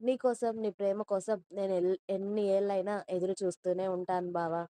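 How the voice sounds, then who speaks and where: A woman's voice: medium pitch, fairly even intonation, brisk, warm tone, clear, resonant tone, no echo, close to an everyday voice. A woman voicing a stubborn, lovesick young woman who pleads tearfully in an audio story. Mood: pleading.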